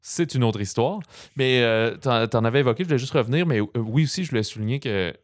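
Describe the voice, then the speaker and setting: A man with a Quebec French accent, co-hosting a casual film review chat and telling his thoughts in animated, digressive stretches. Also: medium pitch, fast, dry recording.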